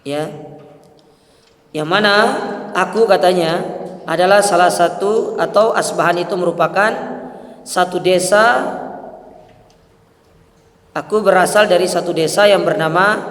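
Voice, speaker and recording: A man with a high voice gives a religious study lecture. He reads Arabic lines aloud, then explains them in everyday speech, often adding "ya". His voice rings with a long echo, as if he is speaking in a hall. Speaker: Islamic preacher. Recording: echoey hall.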